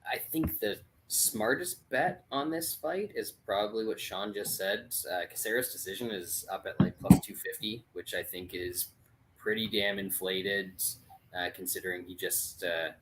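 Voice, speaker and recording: A man in his late thirties co-hosting a casual podcast, relaxed and hesitant, with many fillers. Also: on the low side, measured pace, background noise. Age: 30s. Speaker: podcast co-host.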